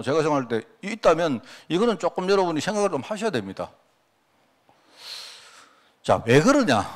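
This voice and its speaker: A man, a pastor, preaching a sermon in a conversational way, asking his congregation rhetorical questions and acting out quoted prayers. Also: fairly high pitch. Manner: acts out quoted prayers and remarks.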